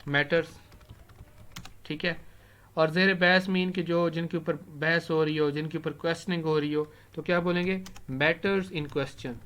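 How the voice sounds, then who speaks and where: A man's voice: a little high, sharp tone. Man teaching with keyboard clicks. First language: Urdu. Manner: repeats key words slowly while typing them. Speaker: English vocabulary teacher. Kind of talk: recorded lesson, typing while explaining.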